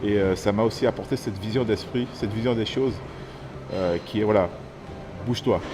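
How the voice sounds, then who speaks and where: A man's voice: on the low side, moderate pace, over music. Thoughtful man in his thirties from French Guiana. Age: 30s. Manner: thoughtful, searching for words. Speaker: interviewee. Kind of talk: personal testimony.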